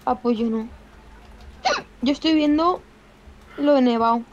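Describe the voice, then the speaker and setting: Giggly woman, high voice, dull lo-fi mic with faint hiss. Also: unhurried. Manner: giggly, short replies. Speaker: co-player. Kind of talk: casual game chat.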